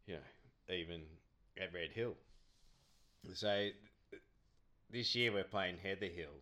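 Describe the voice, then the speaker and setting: A middle-aged Australian man with a lowish voice tells stories like a tradesman over a beer. He is laid-back and colloquial, slipping into quoted exchanges as he goes. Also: slow, sharp tone. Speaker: amateur club cricketer being interviewed. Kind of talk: casual anecdote-telling chat.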